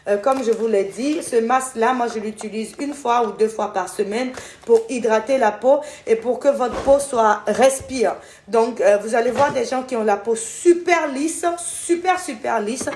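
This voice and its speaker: Her voice is a little high and darkish, delivered at a moderate pace with a faint hiss or hum underneath. A chatty skincare brand owner with an Ivorian French accent, she answers viewers in a casual live stream, affectionately calling them "my loves" and correcting herself when she loses track.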